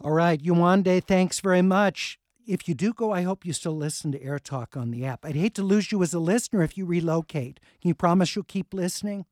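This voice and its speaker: A man in his sixties hosting a call-in radio talk show in a chatty, relaxed way, with easy laughs. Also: high voice, brisk, hardly any pauses, dry recording, clean studio sound. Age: 60s. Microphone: studio microphone, dry sound.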